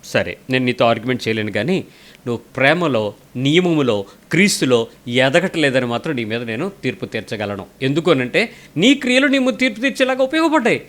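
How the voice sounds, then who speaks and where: A man's voice: mid-range voice, big pitch swings, brisk, a bit bright. A man preaching a sermon, telling a story and quoting its people, pressing hard with questions aimed at the listener. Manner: tells a story and quotes the people in it.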